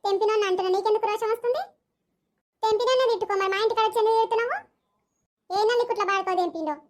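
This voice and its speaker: A woman playing a quarrelsome old village woman with a Telangana Telugu accent, scolding in a rapid-fire bickering comedy sketch. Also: very high-pitched. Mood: angry.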